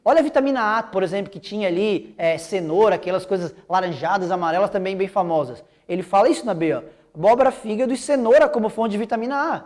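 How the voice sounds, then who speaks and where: A man's voice: high-pitched, expressive, quick pace, darkish tone. Man, Brazilian accent, young adult, online lesson, casual slangy upbeat teacher. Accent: Brazilian Portuguese. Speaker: biology teacher. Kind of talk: online exam-prep lecture.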